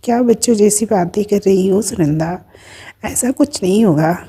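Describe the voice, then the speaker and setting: A woman voicing a caring woman friend in an audio story, reassuring her and scolding her gently. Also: mid-range voice, normal speed, breathy edge.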